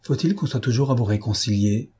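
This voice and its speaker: A man voicing a gentle older princess in an audiobook, soft and patient. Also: mid-range voice, lively intonation, brisk, husky.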